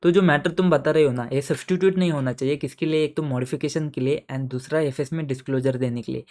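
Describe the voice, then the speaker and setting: A man teaching audit in a casual, playful lecture, chatting with students and slowly repeating key terms. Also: fairly high pitch, steady tone, darkish tone. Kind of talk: casual Hindi-English lecture.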